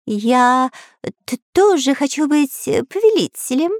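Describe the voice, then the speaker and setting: A woman's voice: sits high, sing-song, slow pace, no room sound, clean studio sound, pitched above the performer's own voice, heavily acted. A woman voicing a cowardly, fawning male pet parrot in a storybook reading, squawky and stammering. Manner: squawky, eager to please, stammering. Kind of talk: storybook narration.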